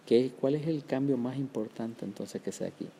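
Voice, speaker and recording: A man's voice: medium pitch, normal speed, gravelly, dark tone, slight background noise. A man teaching a Hebrew grammar lesson, explaining step by step, sounding out words syllable by syllable and checking with "¿verdad?".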